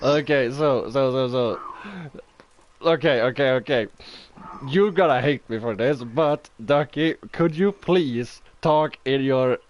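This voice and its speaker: A man hosting a casual stream interview, hesitant and filling pauses with ums and okays. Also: mid-range voice, lo-fi sound. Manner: hesitant, many fillers, lots of okays. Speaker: host interviewing players.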